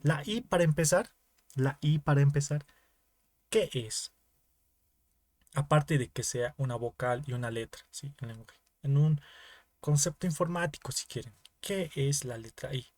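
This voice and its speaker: A man's voice: on the high side, a little slow, a little mellow, no room sound. A young man with a Bolivian Spanish accent teaching an online class, explaining in small repeated steps and often checking with the students. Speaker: teaching assistant.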